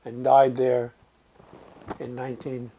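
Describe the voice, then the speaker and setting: Speaking in a monotone at medium pitch, an older German man gives an oral history interview against a noisy background. He talks slowly and reflectively, with frequent pauses and fillers.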